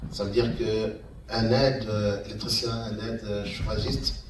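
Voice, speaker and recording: Speaking in an echoey room on a distant, faintly noisy mic, a middle-aged man from Kananga, DR Congo, recounts his career path as an engineer and entrepreneur in an informal public talk. His fairly low, flat voice comes out haltingly, and he repeats words for emphasis.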